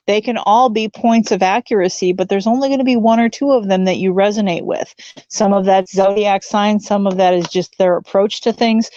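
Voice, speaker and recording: A woman's voice: mid-range voice, warm tone, no echo. A woman in her forties, a tarot reader guest chatting casually, joking and laughing often. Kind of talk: casual live-stream chat. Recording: dull lo-fi stream audio.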